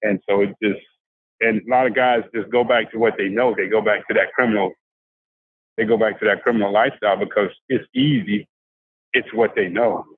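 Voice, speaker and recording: An older man from South Carolina, a guest talking about life after prison in a halting, casual way with many restarts. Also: fairly low pitch, fairly even intonation, husky, no room sound. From South Carolina, USA. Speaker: formerly incarcerated guest. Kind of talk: casual conversational interview. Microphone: handheld phone on a video call. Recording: dry, tinny phone-like video call audio.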